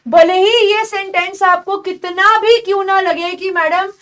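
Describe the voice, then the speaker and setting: A young woman giving an English grammar lecture in Hindi, explaining rules step by step and saying the example sentences slowly. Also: extremely high pitch, steady tone, a bit bright. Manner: explains step by step, calls students "beta"; spells out slow, drawn-out English examples. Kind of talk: online exam-prep lecture.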